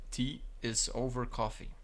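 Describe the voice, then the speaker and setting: A man's voice: medium pitch, fairly bright tone. A young man talking casually to himself and his viewers while building a computer, mumbling and slangy. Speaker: PC builder streamer.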